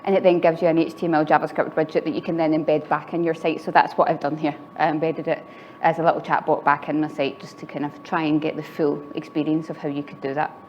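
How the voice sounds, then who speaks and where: A woman's voice: low voice, flat delivery, quick pace, few pauses, a little mellow. A woman giving a conference tech talk in a chatty way, often laughing lightly between phrases. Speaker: conference speaker. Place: conference venue with live audience. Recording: slightly muffled recording with faint background noise.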